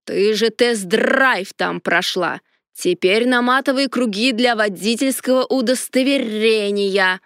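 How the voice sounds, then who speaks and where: A woman voicing a gruff, sarcastic male dragon who drawls slowly and rolls a growling R, in a storybook reading. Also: on the high side, fairly bright tone, dry recording, studio quality. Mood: mocking. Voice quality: growling rolled R. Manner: slow, drawling and mocking.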